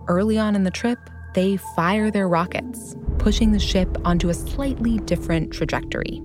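A woman narrating a scripted documentary in an informal, explanatory way with emphatic phrasing. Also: medium pitch. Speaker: narrator and host. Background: background music.

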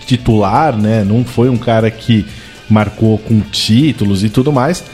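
A man's voice: lowish voice, unhurried, darkish tone, faint music behind. A Brazilian man co-hosting a podcast, chatting conversationally about football history. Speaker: podcast co-host.

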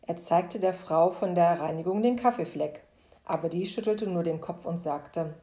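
A woman's voice: lowish voice, normal speed, dark tone. Woman reading a children's story. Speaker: narrator.

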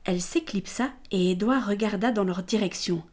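A woman reading a period novel aloud as an audiobook narrator, with an even, measured delivery. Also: mid-range voice. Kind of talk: scripted narration.

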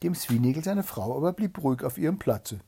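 Gravelly man reading a fairy tale. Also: on the high side, fairly quick. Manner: lively, animated storytelling. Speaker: storyteller.

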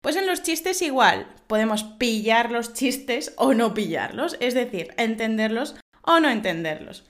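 A woman's voice: expressive, a little slow, few pauses. Lady teacher doing a podcast, telling corny jokes, keeps cracking up at herself. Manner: giggly, laughs at her own jokes; acts out joke voices with big pitch jumps. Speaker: Spanish teacher and podcast host.

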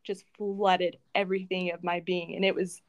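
A woman in a personal conversational interview, earnest and halting, telling her faith story at home with many restarts and fillers. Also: on the low side, little pitch movement, no room sound, dull audio. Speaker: guest sharing her faith testimony.

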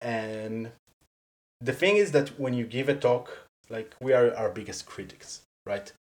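Speaking in a medium pitch, this guest is animated and laughs easily while chatting casually in an interview. Their English carries an Israeli accent, learned as a second language after Hebrew, and is full of "like" and sentence restarts.

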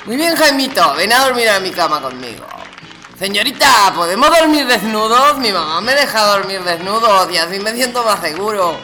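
A man's voice: high-pitched, expressive, moderate pace, pushed and bright, faint music behind, exaggerated voice. A man playing a flirty woman comedian telling bawdy jokes in a put-on Spanish lilt. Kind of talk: comedy sketch.

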